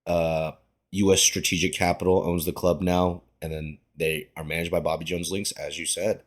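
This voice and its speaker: A young man hosting a casual podcast, talking in a relaxed way with frequent ums and pauses. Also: sits low. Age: young adult. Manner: relaxed, slightly halting with many ums. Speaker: podcast host.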